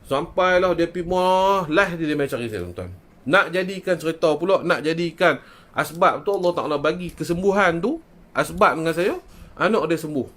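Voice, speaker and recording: Slightly high-voiced northern Malaysian man. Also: lively intonation, moderate pace, a bit bright. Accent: northern Malaysian Malay (Kedah). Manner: rhetorical, keeps asking "kan?" and "ha?" and addressing listeners. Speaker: traditional Islamic healer. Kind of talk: live-stream talk to viewers.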